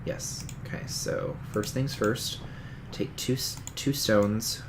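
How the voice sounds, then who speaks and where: A gaming streamer with a fairly low, fairly even voice speaks slowly over background noise, sounding stuffy and sniffly from a cold. He gives casual let's-play commentary on a survival game, rambling, correcting himself, and talking through each step of the game.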